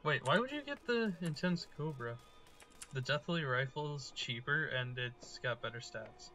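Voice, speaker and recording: A man's voice: mid-range voice, animated, unhurried, bright, forceful tone. Casting: young man, let's-play host, mid-range voice, casual commentary over game music.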